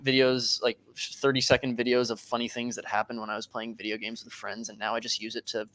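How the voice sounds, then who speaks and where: A man's voice: medium pitch, flat delivery, fairly quick, fairly bright tone, no echo. Young male guest, hesitant, lots of fillers, dry close sound on a video call. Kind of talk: casual chat.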